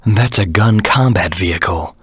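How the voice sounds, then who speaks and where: A man voicing a brooding, serious hedgehog antihero in a video game, giving instructions in a cool, measured, matter-of-fact way with a husky voice. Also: on the low side, no echo, clean studio sound. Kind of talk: video game tutorial voice lines.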